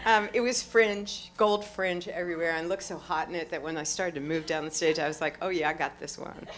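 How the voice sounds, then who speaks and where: A middle-aged woman talking onstage at a live event, exuberant and profane, swinging from quiet remarks to loud exclamations and laughing often. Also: fairly low pitch, fairly even intonation, fairly quick. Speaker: award honoree speaking onstage. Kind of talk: lively onstage conversation with profanity.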